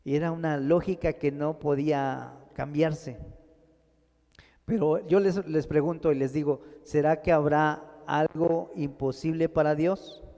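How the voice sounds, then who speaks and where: A man's voice: fairly high pitch, fairly even intonation, unhurried, dark tone, big-room sound. A man preaching a sermon in a church, speaking to the congregation as brothers with rising and falling emphasis. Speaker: pastor.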